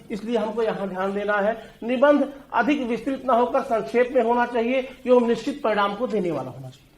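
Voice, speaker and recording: A man's voice: high-pitched, roomy sound. A male teacher giving an exam-prep lecture on essay writing, explaining with everyday examples and speaking straight to his students. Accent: Hindi.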